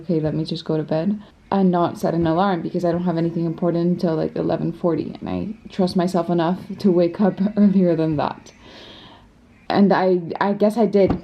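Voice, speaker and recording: A young adult woman vlogger chats casually about her days in a self-deprecating, informal style. Her voice is lowish and warm with vocal fry, and the sound is lo-fi with slight background noise.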